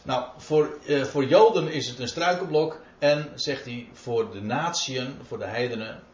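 A man's voice: medium pitch, unhurried. Man, sermon, emphatic Bible explanation, roomy reverberant sound. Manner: emphatic, quotes and explains scripture. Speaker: preacher. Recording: roomy, dull lo-fi recording.

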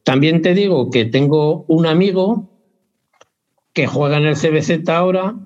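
A man's voice: fairly high pitch, measured pace, darkish tone. A man chatting in an interview, rambling and hesitant, often correcting himself. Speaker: interviewee, basketball parent. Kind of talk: casual interview chat. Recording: dull lo-fi sound.

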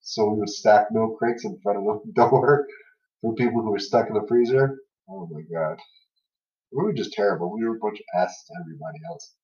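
A young man tells loose, filler-heavy anecdotes in a casual podcast chat, laughing through the funny parts. His voice sits low. He sounds set back from the mic in a roomy space with a dull, lo-fi tone. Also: brisk, mellow, far from the mic. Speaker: podcast co-host.

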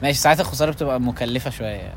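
A rapid-fire Egyptian man hosting a relaxed conversation, prodding his guest with questions and slipping English phrases into his speech. A steady hum of outdoor noise sits under his voice. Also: mid-range voice. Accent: Egyptian Arabic. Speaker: podcast host. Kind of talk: casual chat.

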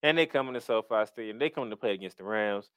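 A man's voice: on the low side, quick pace, smooth, no room sound. A man hosting a sports podcast as a fan, sounding disgruntled and complaining, emphatic and then dropping into asides. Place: podcast recorded in Florida.

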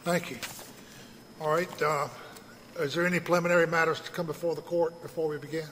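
Bright-voiced male judge in an echoey courtroom. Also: on the high side, level tone, a little fast. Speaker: presiding appellate judge. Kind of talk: formal courtroom questioning. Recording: echoey hall with faint noise.

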